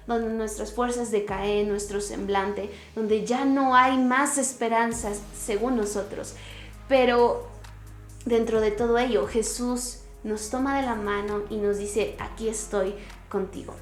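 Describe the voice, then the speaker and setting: A woman hosting a devotional podcast, teaching and retelling a Bible story in an earnest, emphatic way with pauses and restarts. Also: a little high. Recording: roomy echo with faint music.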